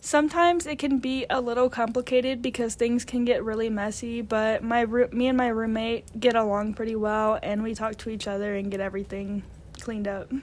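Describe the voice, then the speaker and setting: A woman's voice: fairly high pitch, fairly even intonation, moderate pace, a little mellow. Easygoing young woman from Louisiana. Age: young adult. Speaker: interviewee.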